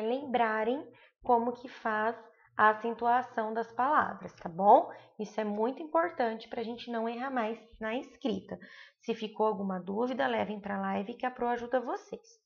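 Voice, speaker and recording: A woman teaching a primary school grammar lesson online with a Brazilian Portuguese accent, stretching out example words slowly and often checking in with her pupils. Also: fairly high pitch, dull audio. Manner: slow, drawn-out example words with frequent checks like "tá bom?".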